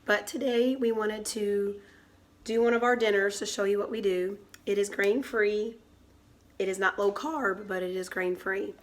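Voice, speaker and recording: As the host of her channel, a woman casually walks through a home cooking recipe step by step in her kitchen. Her mid-range voice is hoarse from a cold, a little slow and steady in tone, and her manner is chatty.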